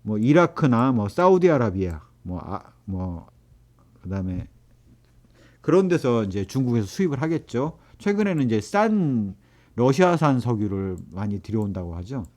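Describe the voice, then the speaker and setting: A man delivers a lecture at a mid pitch, his explanation winding along with pauses and filler words. He often stops short and restarts a phrase as he works through a point. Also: big pitch swings, darkish tone. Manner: explains at length with many fillers and self-corrections. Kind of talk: recorded economics lecture.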